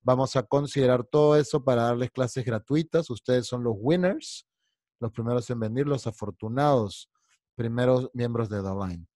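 Male online English teacher, slow drilled phrases, quick asides, mid-pitched, dry close sound. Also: dark tone, no room sound.

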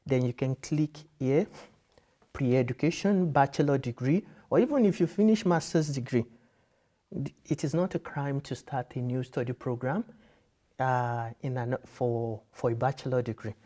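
Here a Yoruba-speaking man in his thirties, working as a university admissions guide, leads a screen-share tutorial from an indoor office full of computers. At normal speed and in a dark, mid-range voice, he patiently explains the form to applicants and keeps rephrasing.

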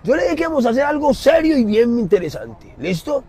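A middle-aged man with a Colombian Spanish accent preaching emphatically in an outdoor city plaza, swinging from loud to soft. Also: very high voice, sing-song, fairly quick, husky. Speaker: street preacher. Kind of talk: impassioned street sermon.

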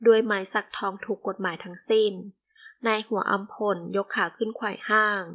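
A woman narrating a romance novel, reading every character herself in a gentle, even voice. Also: mid-range voice, normal speed. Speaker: audiobook narrator.

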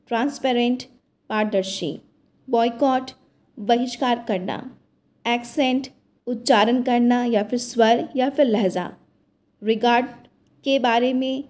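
Slow, higher-voiced woman reading vocabulary. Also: darkish tone. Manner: reads word lists, term then its meaning, evenly. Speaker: vocabulary teacher.

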